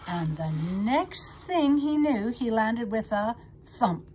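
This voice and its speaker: Animated woman reading a children's story. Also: a little high, takes it slowly, a little hiss or hum. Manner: expressive and animated. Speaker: audiobook reader. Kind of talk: storybook read-aloud narration.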